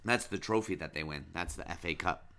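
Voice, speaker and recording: A man's voice: low voice, brisk, pushed and bright. A middle-aged man hosting a casual sports podcast with his child, patiently asking question after question and coaxing answers. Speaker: podcast host and dad.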